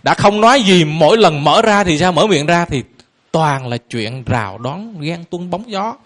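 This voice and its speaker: A man's voice: a little high, animated, a little slow, a bit bright. A man giving a Buddhist dharma talk to a lay audience as their teacher, throwing out rhetorical questions and chuckling playfully.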